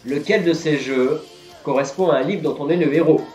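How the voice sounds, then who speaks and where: A man's voice: on the high side, fairly quick, darkish tone. Male quiz host on a live stream, patient explainer, echoey room, faint music bed. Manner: patiently explains each answer. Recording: roomy, dull lo-fi sound, faint music.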